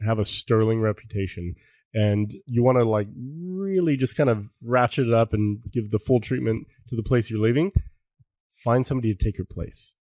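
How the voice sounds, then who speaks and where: A man's voice: medium pitch, normal speed, dry recording. Easygoing man co-host, dry close mic. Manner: relaxed, agreeable, laughs easily. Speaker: podcast co-host. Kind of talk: casual chat.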